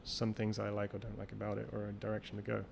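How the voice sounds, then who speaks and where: Talking fast in a fairly low, gravelly, slightly mellow monotone, a man who is a champion water skier is interviewed as a guest on a call. The conversation is casual, and he rambles, restarting often as he thinks aloud over faint noise in the remote recording.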